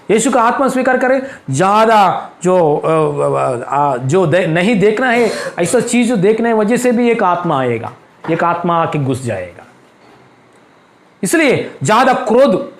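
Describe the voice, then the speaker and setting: A male pastor preaching a fervent sermon in a church, breaking in with hallelujah again and again. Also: high voice. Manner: fervent, repeats hallelujah constantly.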